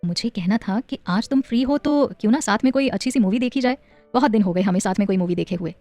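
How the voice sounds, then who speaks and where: A woman voicing a playful, doting young husband and father in an audio story, speaking gently and coaxingly. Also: medium pitch, fast talker, no room sound, soft background music, natural voice. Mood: soft.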